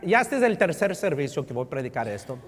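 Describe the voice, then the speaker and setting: Male pastor, slightly high voice, bilingual sermon with loud-soft swings, reverberant sanctuary. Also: sing-song, fast talker. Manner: switches between Spanish and English, keeps asking "right?"; swings from loud emphasis to near-murmur. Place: church sanctuary. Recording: long reverb in a large hall.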